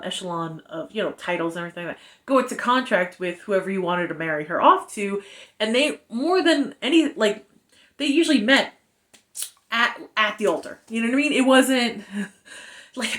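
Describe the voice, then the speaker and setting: Young woman book reviewer, mid-pitched, animated, rambling retelling. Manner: chatty, animated retelling with many fillers. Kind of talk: casual book review chat.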